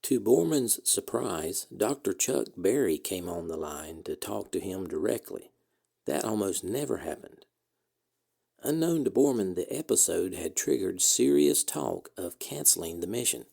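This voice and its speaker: Low, gravelly male history narrator. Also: animated, unhurried, mellow. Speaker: podcast host and narrator.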